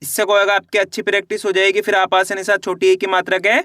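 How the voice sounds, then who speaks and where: A man's voice: sits high, monotone, quick pace, a bit bright, no room sound, clean studio sound. A man teaching beginners to read. He sounds out each syllable, asks how the word is read, then answers it himself. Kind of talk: reading lesson for beginners.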